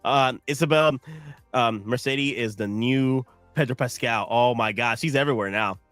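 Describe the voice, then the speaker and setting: A man's mid-range, fairly bright voice moves at normal speed as he chats on a live stream, soft background music playing and no room sound. He's in his thirties, American with a Southern accent, and sleep-deprived, so his talk rambles with restarts and asides to viewers.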